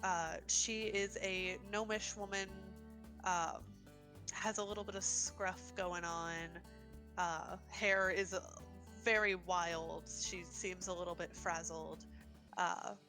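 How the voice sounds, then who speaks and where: A woman's voice: fairly low pitch, steady tone, slow, bright, forceful tone, faint music behind. A woman narrating as the game master of a tabletop game, giggling often and filling her narration with ums and likes. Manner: giggly, loose narration with fillers.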